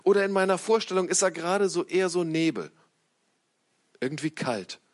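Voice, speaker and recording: A man preaching a sermon to an audience, humorous and animated, telling stories with lively asides. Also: high voice, fast. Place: lit stage before an audience.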